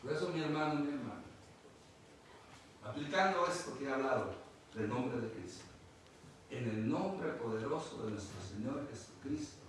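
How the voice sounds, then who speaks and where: A man's voice: medium pitch, lively intonation, moderate pace. Preaching man in an echoey room. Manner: swings between loud and soft, pleading. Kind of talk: sermon. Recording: echoey room, mic at a distance, noisy.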